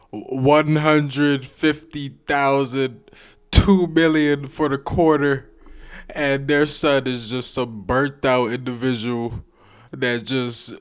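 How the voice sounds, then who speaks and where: A man talks over a video in a loose, slangy manner and takes his time. His voice sits at an ordinary middle pitch. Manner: loose slangy drawl, frequent "bruh" and "like". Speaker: streamer reacting to a clip. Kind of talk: casual reaction commentary.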